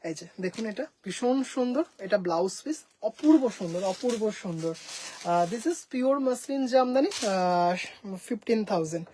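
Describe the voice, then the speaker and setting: A woman's voice: fairly high pitch, lively intonation, normal speed, mellow, slight background noise, low-quality recording. A woman with a Bengali accent presenting sarees for sale from her home boutique, enthusiastic and mixing English phrases into her talk. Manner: enthusiastic, mixes English phrases, addresses viewers as sisters. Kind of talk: live sales showcase.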